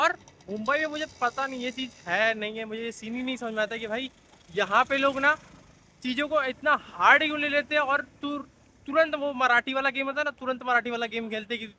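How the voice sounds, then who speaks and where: A man's voice: high voice, bright, forceful tone, a little hiss or hum, poor audio. A young man vlogging casually, telling a story in a chatty, ranting way while walking through a station and streets. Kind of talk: casual vlog talk to camera. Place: Mumbai local train station and streets, outdoors.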